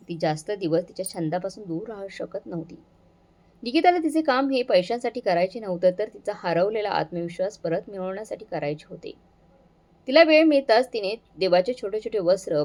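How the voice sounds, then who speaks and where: A woman storyteller narrating a moral family story in a steady, earnest reading. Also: mid-range voice, brisk.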